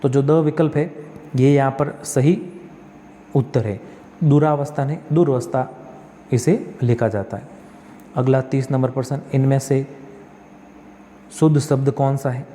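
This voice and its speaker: A man's voice: mid-range voice, fairly even intonation, a little slow, long pauses, dark tone, long reverb tail, slight background noise. A male tutor walks through exam practice questions, reading each one, correcting the spellings step by step and asking himself questions that he answers.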